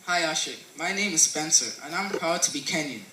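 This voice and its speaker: A man's voice: a little high, lively intonation, a little fast, background noise. A teenage boy reading a sincere school speech, with small slips. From Ireland. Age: teens. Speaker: student presenter. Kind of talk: scripted school presentation. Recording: roomy echo, mic at a distance.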